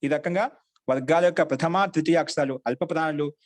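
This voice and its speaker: A man teaches a Sanskrit grammar class online, repeating questions and answering them himself in call-and-response style. His voice is on the high side and brisk.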